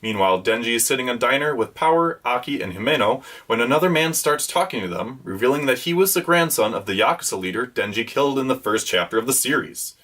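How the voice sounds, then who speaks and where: A man's voice: medium pitch, animated, fast talker, few pauses, fairly bright tone. A man hosting a weekly manga review, reading a scripted rundown with enthusiastic fan commentary.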